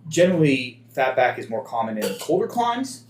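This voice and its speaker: A man's voice: medium pitch, very animated, moderate pace. Man running a tabletop game in an echoey room. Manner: chatty, explains rules and setting at length. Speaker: game master. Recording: echoey room, faint noise.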